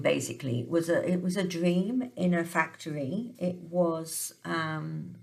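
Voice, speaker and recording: A woman's voice: lowish voice, a bit bright. A woman talking casually at home about her dreams, hesitant and full of ums and restarts. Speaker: tarot reader sharing dream interpretations. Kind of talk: casual monologue. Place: home, dog nearby.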